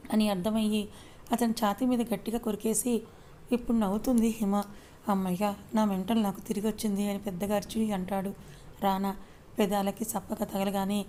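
A woman storyteller reading an audio story in an even, steady way. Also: medium pitch, a little hiss or hum.

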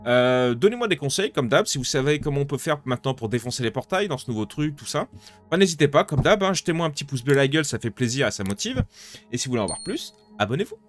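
Male let's-player, lively swings in pitch, game music under him. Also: fast talker. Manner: excitable, swears, pleads loudly with game characters. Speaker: gaming YouTuber. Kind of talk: casual let's-play commentary. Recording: game music playing behind the voice.

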